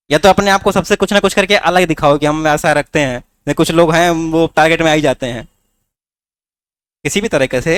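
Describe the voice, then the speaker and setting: A man's voice: high-pitched, fairly bright tone, clean tone, no echo. A man teaching a class with a north Indian Hindi accent, coaxing students with rhetorical questions. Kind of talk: classroom lecture.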